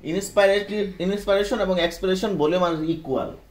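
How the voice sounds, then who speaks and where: A man's voice: high-pitched, brisk, a little mellow. A man teaching a medical class, often quizzing students and checking they follow. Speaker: medical instructor. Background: students answering.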